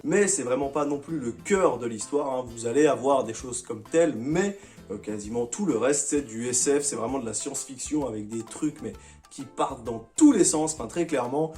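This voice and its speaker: A casual, slangy man talks straight to his viewers about the manga volumes he picked this month. His voice sits a little high and stays upbeat and chatty. Soft music plays quietly behind him. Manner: chatty, enthusiastic, uses slang. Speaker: manga reviewer.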